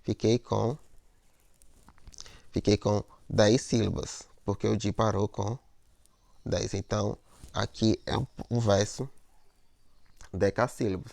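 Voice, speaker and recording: A man's voice: lowish voice, fairly even intonation, slow pace, vocal fry, pauses often, darkish tone, no room sound. A man teaching a lesson on poetic meter, explaining step by step, repeating words, and checking in with "né?" and "ó".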